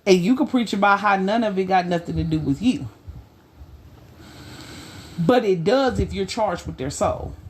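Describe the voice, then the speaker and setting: A woman co-hosting a podcast discussion, speaking emphatically with a preaching cadence and slow, stressed phrases. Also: medium pitch, expressive, a little hiss or hum. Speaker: podcast co-host.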